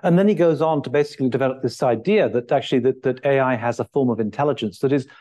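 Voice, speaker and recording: Man lecturing at a lectern, soft dark voice. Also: mid-range voice, fast talker. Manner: thinking aloud, many fillers and restarts. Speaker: keynote speaker. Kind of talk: conference lecture. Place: large lecture hall, at a lectern.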